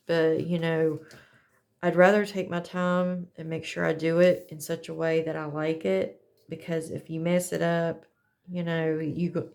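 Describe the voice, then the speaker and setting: A woman's voice: low-pitched, a little mellow. A woman chatting casually as she demonstrates a craft setup, talking in a folksy way and correcting herself as she goes. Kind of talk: casual how-to chat.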